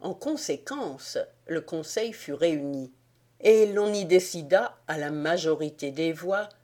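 A woman reading a classic tale aloud as an audiobook, in slow, measured storytelling. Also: low-pitched, a little mellow. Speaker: audiobook reader. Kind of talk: scripted narration.

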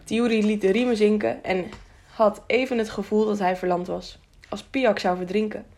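Woman narrating an audiobook, gravelly. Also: medium pitch, steady tone, normal speed, a little mellow.

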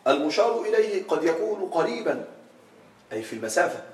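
A man teaching an Arabic grammar lesson in a classroom, quizzing his students with questions and stretching out words slowly for emphasis. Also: high-pitched, very animated. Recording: echoey room, from far off.

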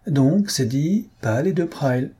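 An excitable young marquise talks with eager emphasis, as a male narrator pitches his voice up. The sound stays husky under the raised pitch. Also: measured pace.

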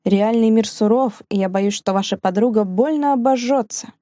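A woman voicing a gruff, cynical older gentleman who speaks in a slow, mocking way in an audiobook. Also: fairly high pitch, no room sound, clean studio sound, close to an everyday voice. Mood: sardonic. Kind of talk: audiobook character reading.

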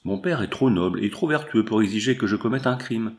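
A man's voice: fairly low pitch, animated, a little fast. Man reading as a defiant young noblewoman.

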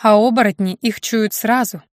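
A woman's voice: a little high, steady tone, normal speed, no room sound, studio quality, lightly acted. A woman reading the lines of a cheeky young female witch in an audiobook, teasing and mocking.

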